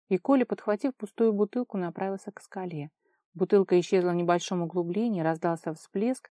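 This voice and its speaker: A woman narrating a fantasy novel in a steady storytelling voice. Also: medium pitch, dry recording, studio quality. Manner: steady storytelling, lively dialogue. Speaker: audiobook narrator. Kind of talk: scripted narration.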